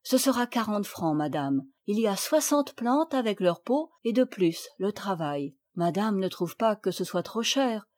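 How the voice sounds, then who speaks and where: A woman's voice: mid-range voice, very animated, a little slow, few pauses, a little mellow, no room sound. A woman reading aloud, voicing a deferential male flower merchant who speaks with obsequious politeness.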